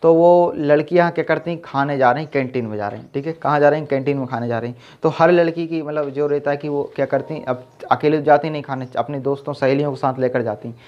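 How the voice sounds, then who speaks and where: Male tutor, fairly high voice on a muffled recording, drills lists with constant check-ins. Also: fast talker, few pauses. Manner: repeats "ठीक है" and quizzes the viewer. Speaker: teacher. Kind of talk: exam-prep lesson with memory tricks. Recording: dull lo-fi sound.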